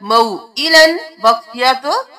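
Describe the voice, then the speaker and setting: A woman with a high voice teaches recitation at an unhurried pace. She spells out letters and vowel marks step by step, then chants each word in a drawn-out way. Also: animated, pushed and bright.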